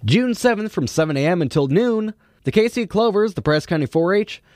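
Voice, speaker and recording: A man's voice: sits high, animated, a little fast, a little mellow, no room sound. A man anchoring a radio newscast, reading from a script.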